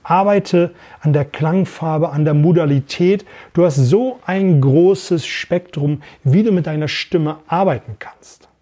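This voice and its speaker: A man's voice: a little high, measured pace, few pauses, warm tone. A middle-aged man hosting a podcast, talking energetically about sales and voice work, repeating phrases and showing voice techniques. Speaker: podcast host and sales trainer. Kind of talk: casual podcast monologue.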